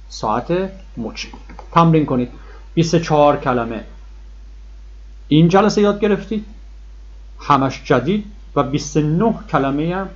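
A man teaching a vocabulary lesson, saying each word twice and then giving its meaning. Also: mid-range voice. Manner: drills words twice, then gives the meaning. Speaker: language teacher. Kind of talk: vocabulary lesson, repeating words slowly. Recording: dull, muffled sound.

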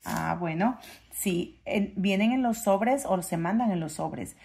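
A woman reads a children's letter book aloud. She sounds out each letter in a sing-song voice and draws out the sounds. Her pitch sits in an ordinary middle range. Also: a little slow, vocal fry, darkish tone. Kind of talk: reading a phonics book to a child.

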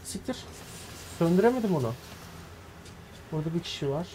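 A man giving live gameplay commentary as a streamer, excitable, swearing and yelling at the action on screen. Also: a little high, fairly quick, slight background noise. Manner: excitable, swears and yells at the game. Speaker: gaming streamer.

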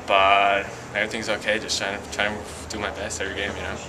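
In an arena hallway, a young Latvian college hockey player with a Latvian accent gives a halting post-game interview full of fillers and restarts. His voice is lowish and monotone, with background noise around him.

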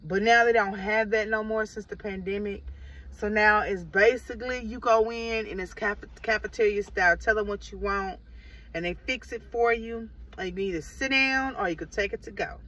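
A woman's voice: mid-range voice, normal speed, a bit bright, distant mic. A middle-aged woman with a Midwestern American accent, chatting to viewers in a rambling, casual vlog. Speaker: vlogger. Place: inside a parked car. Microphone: phone held at arm's length. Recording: muffled phone audio with light car noise.

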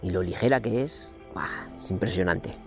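A fairly low-voiced man in his forties talks eagerly beside a mountain lake, recorded outdoors on an action camera. He hosts a casual fishing vlog and exclaims often, with faint music behind him. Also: normal speed, creaky. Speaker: fishing channel host. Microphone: action camera, close framing.

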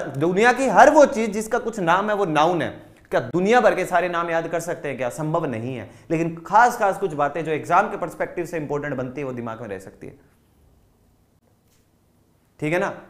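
A man with an Indian accent teaching an online exam-prep English lesson in Hindi, drilling word lists and checking that students follow. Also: high voice.

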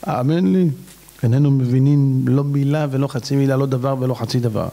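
A man's voice: creaky, warm tone. A man, a rabbi, preaching a dramatic, exclaiming storytelling sermon. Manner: dramatic, exclaiming, swings in pitch.

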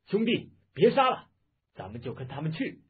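A man voicing a sober elder sworn brother, talking in a measured, reasoning way. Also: medium pitch, sing-song, slightly rough. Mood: shouting. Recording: muffled, phone-like lo-fi audio.

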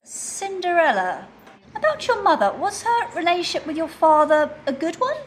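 A woman plays an earnest investigative reporter in a comic exposé. She is probing, with animated intonation, over faint background noise. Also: very high voice, moderate pace. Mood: questioning. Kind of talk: mock investigative interview, comedy.

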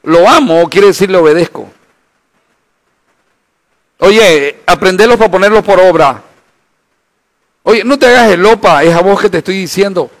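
A high-voiced man preaches a Bible study. He is animated and acts out the imagined voices of his listeners. His delivery is full of rhetorical questions. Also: moderate pace, pauses often. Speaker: pastor.

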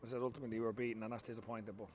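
Irish man, football manager, quick talker, frank post-match answers, handheld mic outdoors. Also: lowish voice, level tone, a little hiss or hum. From Ireland. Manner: frank, repeats himself, many restarts. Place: outdoor football pitch at night. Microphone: handheld mic held close.

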